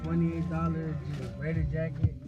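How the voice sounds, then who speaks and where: A man's voice: fairly high pitch, completely flat delivery, normal speed, muffled recording, over loud music. Laid-back slangy man, a father. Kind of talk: casual vlog chat.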